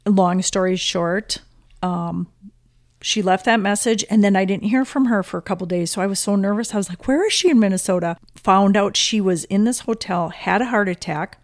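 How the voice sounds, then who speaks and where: A middle-aged woman recounts a personal story in a relaxed talk, her voice emotional and full of acted-out quotes. Her pitch sits in an ordinary middle range. The sound is dry and close, with no room echo. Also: normal speed. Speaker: guest, mother of the host. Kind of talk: casual storytelling conversation.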